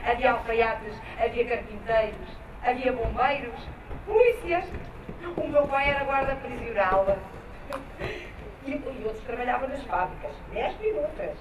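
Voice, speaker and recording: A woman's voice: fairly high pitch, a little slow. A local woman reminiscing about her neighbourhood's past. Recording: distant, echoey, noisy location.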